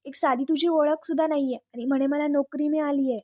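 A woman reading the lines of a bossy, suspicious middle-aged aunt in a sharp, dismissive manner. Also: high voice, steady tone, brisk, no echo, clean studio sound, close to an everyday voice.

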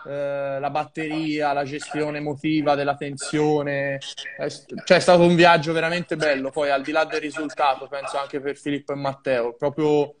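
A young adult man, an Olympic swimmer, speaking on a video call in a reflective, measured way. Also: on the high side, level tone, a little hiss or hum. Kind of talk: casual video-call interview.

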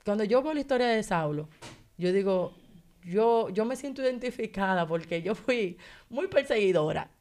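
A woman tells an emotional personal testimony in animated storytelling, her pitch rising and falling as she acts out the voices of others. Her voice sits at an ordinary middle pitch. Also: normal speed. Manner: animated storytelling, acting out dialogue. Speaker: guest giving testimony.

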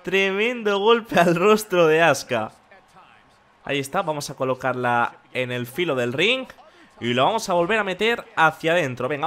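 A young man with a Castilian Spanish accent, giving playful, animated play-by-play as a wrestling commentator over a video game. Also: sits high. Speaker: gaming video host. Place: small room at home, on webcam.

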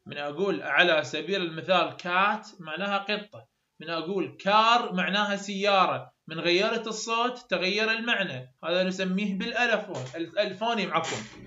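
A man's voice: high-pitched, brisk, bright, forceful tone. Iraqi Arabic-accented man, lecturing tutor, repeats drill sounds; echoey, muffled recording. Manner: repeats example sounds over and over, plain explaining. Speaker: university English tutor. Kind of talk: explanatory lecture. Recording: roomy, dull lo-fi sound.

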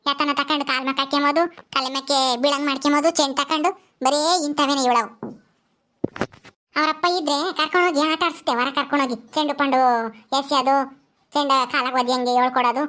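A woman's voice: sits high, little pitch movement, fast talker, bright, forceful tone. An older woman, talking casually in a home vlog, soothing and scolding a crying grandchild. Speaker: grandmother comforting a child.

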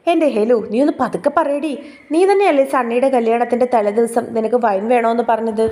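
A woman's voice: on the high side, fairly quick, mellow, lightly acted. A woman voicing a playful young husband who teases his pregnant wife in an audio story. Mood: teasing.

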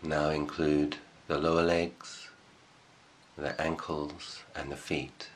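A male meditation teacher guides a session, speaking calmly in short, measured phrases separated by long pauses. His voice is very deep.

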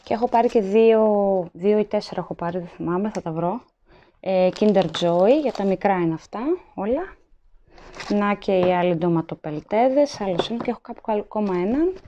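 Woman vlogger, casual haul chat, handheld phone at home, mid pitch, slight background hiss. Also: mellow, lo-fi sound. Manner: chatty, lists items and weights as she goes. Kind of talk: casual haul vlog narration. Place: indoors at home, at a table. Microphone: handheld phone camera, filming items up close.

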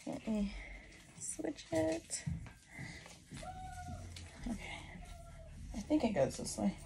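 Getting ready in a small bedroom indoors, a woman in her thirties who makes lifestyle vlogs chats casually and rambles to herself as she works. She speaks slowly in a fairly high, expressive voice. A phone set about arm's length away captures it, along with clear background noise and clicks.

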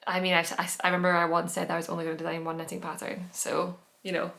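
A woman's voice: lowish voice, monotone, fast talker, creaky, sharp tone. A woman hosting a knitting podcast, chatting casually as she shows her projects, rambling with fillers and self-corrections. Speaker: knitting podcast host and pattern designer. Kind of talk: casual chatty show-and-tell.

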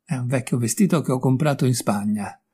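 A man's voice: medium pitch, fairly quick, warm tone, slightly rough, lightly acted. A man voicing a witty, worldly young male painter in an audiobook, speaking in a breezy, teasing way. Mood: amused. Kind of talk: audiobook character voice.

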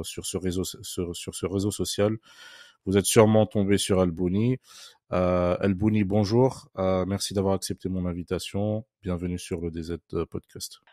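Low-voiced hesitant podcast host, man. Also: mellow, dry recording, studio quality. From Algeria. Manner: hesitant, many fillers. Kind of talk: casual podcast interview.

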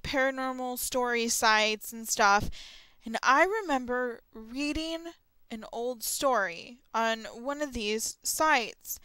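Horror stories are the topic as a young adult woman hosts her audio log, talking casually, rambling, and sounding slightly unsure. The voice is high-pitched, sharp and clean with no echo, though the recording itself is rough.

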